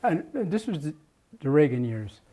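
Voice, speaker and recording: A man's voice: fairly high pitch, very animated, moderate pace, mellow. An older man from Jamaica, a muralist, recalling his past at length in an oral history interview, with many restarts and fillers.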